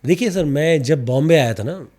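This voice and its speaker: A man, an actor, telling lively anecdotes in a casual podcast interview, with a slight stammer and English phrases mixed in. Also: on the high side, normal speed.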